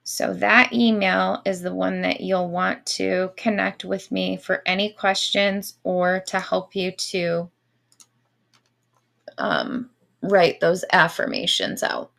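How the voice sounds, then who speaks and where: A woman's voice: fairly low pitch, takes it slowly, creaky, a bit bright. A woman coaching an online group in a casual, encouraging way.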